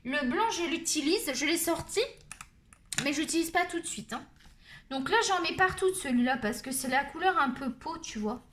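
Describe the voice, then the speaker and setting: A woman with a high, shrill voice who talks loudly and at length, chatting her way through a colored-pencil tutorial. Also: normal speed, a little hiss or hum. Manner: loud, talkative and animated. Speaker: colouring tutorial host.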